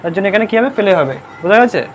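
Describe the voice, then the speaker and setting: With an animated, medium-pitched voice and rapid-fire speech, a grammar teacher works through a live classroom lesson. There's constant quizzing, frequent comprehension checks, and letter-by-letter spelling of words. Noisy pupils are scolded sternly.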